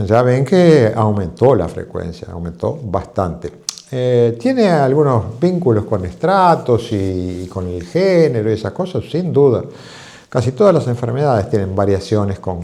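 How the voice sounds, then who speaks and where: Animated Uruguayan man with a mellow voice. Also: fairly low pitch. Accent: Uruguayan Spanish. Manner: animated, rhetorical questions, lively storytelling. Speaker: physician. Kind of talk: televised health talk.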